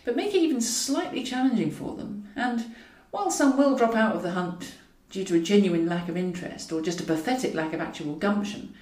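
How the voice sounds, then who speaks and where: Reading fairly quickly with hardly any pauses, the author voices her own audiobook in a somewhat mellow mid-range tone. Her narration of this scripted fiction is wry and wordy, recorded in an echoey room far from the mic.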